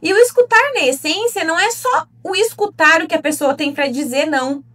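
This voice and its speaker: A woman's voice: very high voice, a little fast, fairly bright tone. A Brazilian woman, a relationship therapist, giving an earnest teaching talk and asking her listeners direct questions. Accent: Brazilian Portuguese. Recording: voice a bit distant from the mic.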